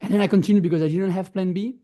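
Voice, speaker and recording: A man's voice: sits high, fairly even intonation, rapid-fire, dark tone. A young man from Belgium, a musician guest, talking casually in with many fillers and restarts. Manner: hesitant, many restarts and fillers, non-native phrasing. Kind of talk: casual interview chat.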